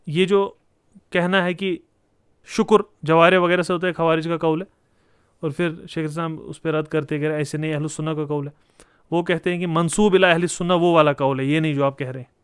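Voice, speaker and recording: A man's voice: sits high, fairly bright tone, clear, resonant tone, no echo, studio quality. A man giving a classroom lecture on Arabic grammar, explaining step by step and posing rhetorical questions to his students. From Kashmir.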